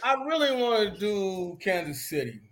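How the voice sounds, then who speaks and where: A man's voice: sits high, very animated, moderate pace. A man in his late forties, a guest chef, chatting easily on a podcast and laughing often. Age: 40s. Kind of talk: casual podcast chat.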